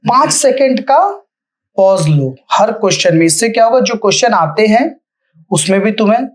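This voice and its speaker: A man giving direct, firm feedback to a candidate after a mock interview, as a panelist. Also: normal speed. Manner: direct, firm coaching, lively pitch swings.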